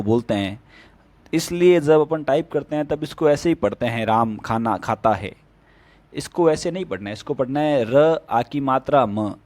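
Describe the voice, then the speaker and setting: A man's voice: medium pitch, darkish tone, no room sound. A man who teaches stenography gives a casual spoken tutorial with plain, step-by-step tips.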